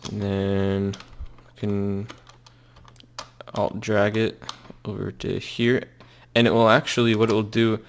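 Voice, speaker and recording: A young man casually walking through a software tutorial, loose and halting with lots of fillers and restarts. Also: fairly low pitch, flat delivery, creaky, a little hiss or hum. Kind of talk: casual screen-recorded tutorial.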